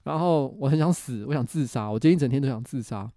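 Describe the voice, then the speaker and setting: A man's voice: medium pitch, fast talker, dark tone, no echo, clean studio sound. A middle-aged man with a Taiwanese Mandarin accent hosting a casual livestream, talking candidly and rambling with restarts. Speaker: host and city councilor.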